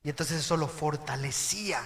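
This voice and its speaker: A male pastor preaching an emphatic sermon, calling on the congregation to repeat key words and sometimes shouting them. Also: fairly high pitch, fairly quick, creaky.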